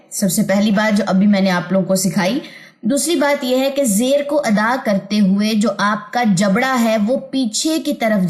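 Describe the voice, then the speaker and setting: A woman teaching an online tajweed lesson, patiently drilling sounds and checking understanding. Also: fairly high pitch.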